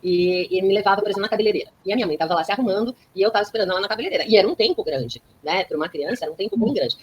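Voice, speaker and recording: A woman's voice: mid-range voice, animated, rapid-fire, lo-fi sound, a little hiss or hum. A woman speaking as a guest on a talk program. She explains ideas in a teaching way, uses everyday examples and often checks in with tag questions. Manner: didactic, with frequent tag questions.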